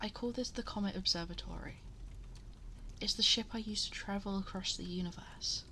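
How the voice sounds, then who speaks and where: A woman playing a gentle, motherly, ageless cosmic princess in an ASMR bedtime roleplay, speaking tenderly and reassuringly, often in a breathy half-whisper, close to the microphone. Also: medium pitch, normal speed, slight background noise. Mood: tender, storytelling. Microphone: close binaural 3Dio microphone.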